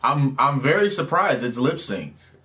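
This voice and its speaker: A streamer with a mid-range, very animated voice talks casually through a game he's playing, reacting to the screen with chatty wisecracks. His delivery is unhurried, bright and forceful, typical of let's play commentary.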